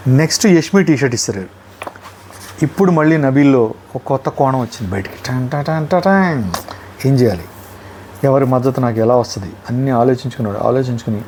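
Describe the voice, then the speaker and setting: A man's voice: medium pitch, slight background noise. Telugu-accented man reviewing a show. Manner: animated retelling, mimicking contestants' lines. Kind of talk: casual episode review.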